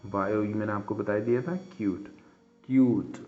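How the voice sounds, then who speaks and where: A man teaching a lesson on vowel sounds, who keeps checking in with his students and spells example words out slowly. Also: fairly low pitch, little pitch movement, soft background music. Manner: repeats "theek hai" as a check-in after nearly every point. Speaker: English teacher. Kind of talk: casual explanatory lesson. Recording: dull lo-fi sound.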